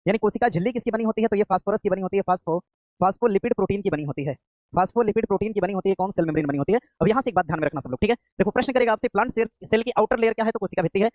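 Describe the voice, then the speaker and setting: A man's voice: sits high, a little mellow, dry recording. A male coaching teacher giving an exam-prep lecture, asking his own questions and answering them, repeating each key term to a class that is also streamed online. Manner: repeats key terms again and again.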